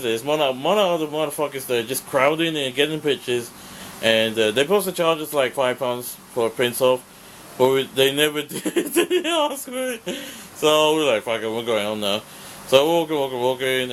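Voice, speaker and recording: A man's voice: medium pitch, a bit bright, a little hiss or hum, poor audio. A man recapping his convention day in a casual vlog, rambling with lots of fillers and swearing. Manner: rambling, profane, heavy fillers. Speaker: vlogger.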